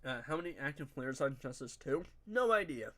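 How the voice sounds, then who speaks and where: Streaming a game live, a young man talks straight to his chat in casual slang, his voice nasal from a congested nose. He speaks briskly at a medium pitch, with lively intonation and a fairly bright tone.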